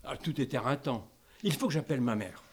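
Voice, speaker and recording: A man's voice: medium pitch, animated, a little fast, close to an everyday voice. A man playing a pampered, petulant, childish king in a comic sketch, sing-song and capricious. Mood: sulky.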